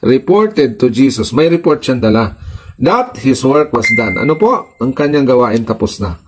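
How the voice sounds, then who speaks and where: Filipino pastor preaching emphatically. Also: male voice, medium pitch, animated, normal speed, noisy background. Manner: reads passages in English then explains them in Tagalog, repeating points emphatically. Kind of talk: preaching sermon, reading and explaining scripture.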